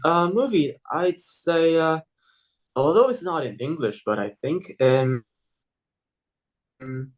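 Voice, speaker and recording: A man's voice: mid-range voice, rough recording. Hesitant young man with a Taiwanese accent. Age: young adult. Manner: hesitant, many fillers and restarts. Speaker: interview guest. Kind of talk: casual interview answers.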